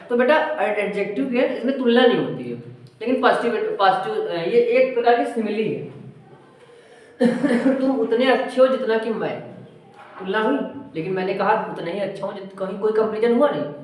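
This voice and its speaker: A man teaching an English grammar lesson in a classroom, explaining slowly and asking the pupils questions. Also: sits high. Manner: explains slowly, asks pupils questions and repeats their answers. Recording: very echoey classroom, mic far off.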